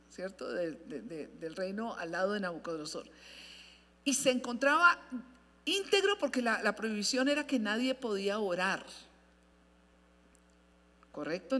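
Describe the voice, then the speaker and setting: A woman pastor preaching a sermon, stretching key phrases for emphasis and correcting herself often. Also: on the high side. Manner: expressive preaching, drawn-out emphatic phrases, frequent self-corrections. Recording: long hall reverb.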